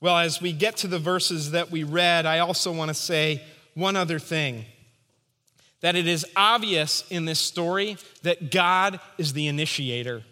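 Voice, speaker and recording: A man's voice: fairly high pitch, a little slow, bright, forceful tone, in a large hall. A man preaching a sermon, emphatic and rising and falling for stress. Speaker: pastor.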